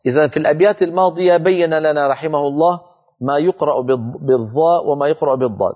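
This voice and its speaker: A man teaching Quran recitation in a televised lesson, explaining patiently and slowly chanting examples to show each sound. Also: on the high side, a little mellow, lo-fi sound.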